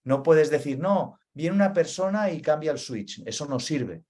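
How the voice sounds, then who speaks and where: Animated and fairly high-pitched, a man from Spain talks at a moderate pace with a darkish tone. In a webinar on data center operations, he earnestly repeats key points and often asks "vale?" with a Spain Spanish accent.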